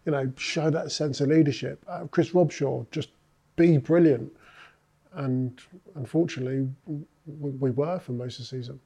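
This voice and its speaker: Man, former rugby player, interview guest, warm mellow voice, thoughtful, hesitant fillers. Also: mid-range voice, normal speed, vocal fry, breathy edge. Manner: thoughtful, many filler sounds. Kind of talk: casual interview recollection.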